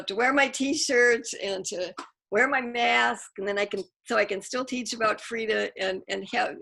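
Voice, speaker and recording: A woman's voice: on the high side, vocal fry, sharp tone. A middle-aged woman author on a video call, talking in a chatty, self-interrupting way. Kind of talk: casual Zoom Q&A.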